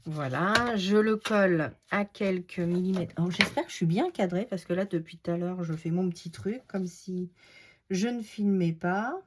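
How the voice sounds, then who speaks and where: A woman's voice: lowish voice, moderate pace, a little hiss or hum. A woman with a Norman French accent giving a casual crafting tutorial, thinking aloud and muttering to herself as she works. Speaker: crafter showing card-making.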